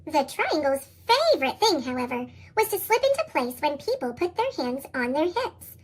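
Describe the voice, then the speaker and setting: Reading picture books for children in a bouncy, sing-song way, this storybook reader sounds very animated at a moderate pace. The voice is sped up and pitch-shifted high, chipmunk-style.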